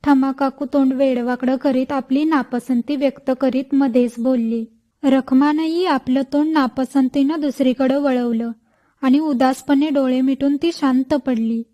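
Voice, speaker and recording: A woman reading a story aloud in a slow, measured manner. Her voice sits high, and she takes her time over each line. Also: steady tone, dark tone. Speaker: audiobook narrator. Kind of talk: scripted narration.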